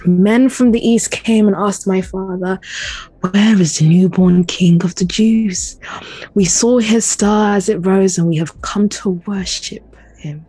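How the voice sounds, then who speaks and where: A woman playing a proud, menacing king who taunts a prisoner in a slow, deliberate, imperious way in an audio play. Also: mid-range voice, steady tone, mellow, husky, dry recording. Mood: taunting. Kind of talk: dramatic audio play acting.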